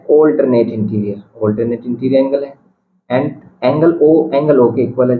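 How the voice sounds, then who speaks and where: Reassuring male math teacher, roomy recording. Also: mid-range voice. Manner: reassuring, repeats key steps aloud. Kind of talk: board-exam math lesson. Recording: dull, slightly roomy with faint hiss.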